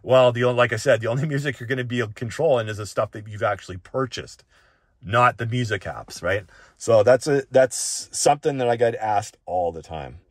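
Speaking off the cuff, a man gives a device walk-through as a tech reviewer, keeping things conversational and frequently checking on the listener. His voice sits in the mid range at a normal speed, recorded at studio quality with no room sound.

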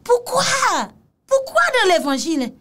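A woman's voice: extremely high pitch, big pitch swings, a little slow. A woman giving casual reaction commentary on a video, mocking and exclamatory, repeating phrases.

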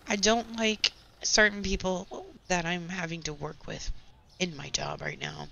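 A woman's voice: on the low side, expressive, a little slow, gravelly, sharp tone, slight background noise. A woman hosting a gaming channel, telling a long, candid work story in casual talk over gameplay. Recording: slightly dull lo-fi audio.

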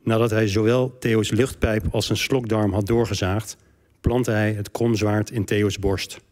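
A man, an author, reading a passage from his biography aloud on stage in a debate hall, in a measured, calm storytelling manner. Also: fairly low pitch.

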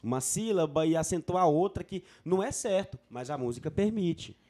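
A man from Brasília, a singer, chatting casually as a guest and telling stories in a relaxed way. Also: on the high side, moderate pace. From Brasília, Brazil. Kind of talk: casual chat.

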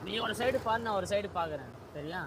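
A slightly high, fast-talking young man, playing a loyal best friend who keeps reassuring and checking in. This is amateur short-film acting. He is recorded outdoors, with road traffic noise heard clearly behind him. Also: animated. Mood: teasing. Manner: reassuring, repeats "okay?".

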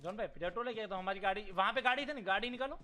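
A man streaming a mobile shooter game, playful and shouty, thanking viewers and directing teammates. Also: high voice, racing. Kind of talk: casual gaming chat. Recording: gunfire and game noise behind.

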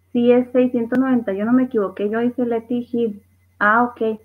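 A woman's voice: fairly high pitch, flat delivery, measured pace. A woman hosting a casual livestream, reading viewers' comments aloud and laughing along. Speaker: livestream host. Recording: tinny phone-like livestream audio.

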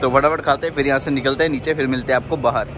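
A man's voice: mid-range voice, steady tone, racing, fairly bright tone. A man vlogging casually outdoors in a park, teasing and laughing often. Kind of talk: casual vlog chat. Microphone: action camera.

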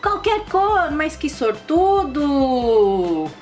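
A woman with a high, bright voice presents games to children in a sing-song, exclamatory way. She takes her time over the words. Soft music plays behind her. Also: very animated, very slow. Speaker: host of a children's toy and game channel. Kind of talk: playful commentary for children while playing board games.

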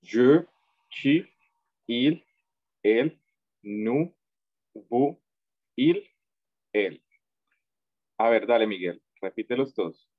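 A man leads an online class, repeating each verb form slowly and patiently. His voice sits at a middle pitch. The call audio is dry and a little muffled. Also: lively intonation, no room sound. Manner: slow, patient drilling of conjugations. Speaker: French teacher. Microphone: video call.

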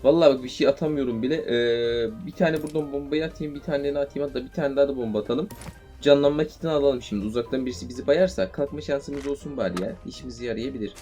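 A young man commentating his own mobile shooter game, shouting and swearing in fights, then calming himself down. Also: medium pitch, fast. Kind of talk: live gameplay commentary. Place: indoors at home playing on a tablet. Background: game gunfire and music.

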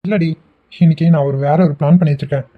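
A man's voice: a little high, steady tone, quick pace, close to an everyday voice. A man voicing an affectionate young husband in a cartoon, pressing his wife with questions. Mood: coaxing. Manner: teasing, insistent questioning. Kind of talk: cartoon voice acting. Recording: tinny phone-like audio.

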